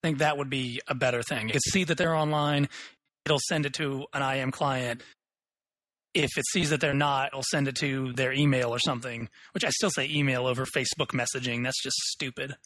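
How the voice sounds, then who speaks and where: A young man co-hosting a casual tech podcast, opinionated and quick, thinking aloud as he talks. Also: mid-range voice, steady tone, a bit bright, no room sound, poor audio. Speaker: podcast co-host.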